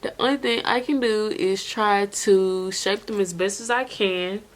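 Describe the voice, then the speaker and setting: A woman's voice: mid-range voice, measured pace. A drunk American woman chatting casually through a makeup tutorial, loose and rambling, repeating herself as she goes. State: tipsy, drunk. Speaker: makeup vlogger. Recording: music behind the voice.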